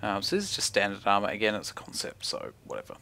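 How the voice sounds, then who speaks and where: Quick and sharp, his fairly low, creaky voice swoops wildly in pitch, with a little hiss or hum behind it. The young broad-accented New Zealander makes gaming videos at home, commentating in a laid-back, slangy way while thinking aloud and mumbling asides.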